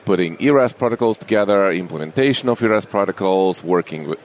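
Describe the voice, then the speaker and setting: Deep-voiced man, unhurried. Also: lively intonation, a little hiss or hum. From Russia. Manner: unhurried, friendly, with small grammar slips. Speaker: anesthesiologist guest. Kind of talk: casual interview conversation.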